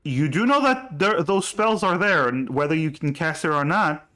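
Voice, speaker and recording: A man acting as game master for a tabletop role-playing game, narrating and refereeing in a halting way, often repeating himself. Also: fairly high pitch, lively intonation, pushed and bright.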